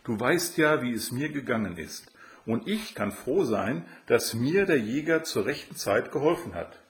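A man's voice: mid-range voice, animated, moderate pace, slight background noise, pitched above the performer's own voice, close to an everyday voice. A man voicing an earnest, encouraging little girl in a fairy tale. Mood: earnest advice.

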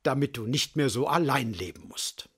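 A man voicing a proud, lovesick female yellowhammer in a storybook tale, speaking in a plaintive, sulky way. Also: mid-range voice, lively intonation, normal speed, breathy edge. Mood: pleading.

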